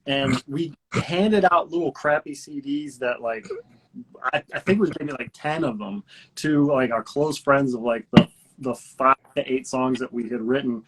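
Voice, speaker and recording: A man's voice: mid-range voice, fairly bright tone, rough recording. A young man, a guitarist and vocalist, chatting casually in an interview, telling rambling stories with laughs and crude language.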